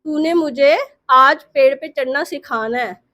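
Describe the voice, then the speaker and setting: A woman voicing a timid young male friend who scares easily, speaking in a pleading, worried way and a little lower than her own voice. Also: a little slow, pushed and bright. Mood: anxious.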